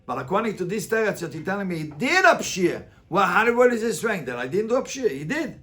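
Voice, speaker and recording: Fast and high, with big pitch swings and a pushed, bright tone, this man teaches a Talmud class as a rabbi. He reads and translates the text one line at a time, repeating phrases and asking emphatic questions to keep students engaged.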